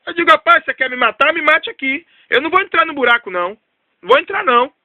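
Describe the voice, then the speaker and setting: Man, preacher, sermon storytelling, repeats phrases, very high voice, dry sound. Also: animated, quick pace, no echo, lo-fi sound. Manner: repetitive storytelling preaching, dropping low for emphasis.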